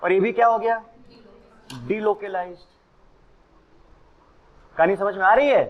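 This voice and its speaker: A man's voice: sits high, steady tone, takes it slowly, dull audio. A male chemistry teacher giving a classroom lecture, mixing Hindi and English and constantly quizzing his students with questions.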